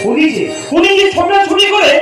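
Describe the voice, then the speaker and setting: Guy as earnest young villager, hammy stage declaiming, high voice, super echoey with music behind. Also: brisk, fairly bright tone, distant mic. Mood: admiring. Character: earnest, admiring young man of the slum. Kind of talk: Bengali jatra folk theatre acting.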